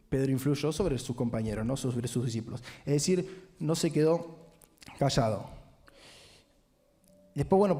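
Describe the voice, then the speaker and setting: Rioplatense preacher, warm voice, echoing church. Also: male voice, a little high. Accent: Rioplatense Spanish. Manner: animated storytelling, acts out quotes, frequent rhetorical "¿no?". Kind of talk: sermon. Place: large church sanctuary. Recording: long hall reverb in church.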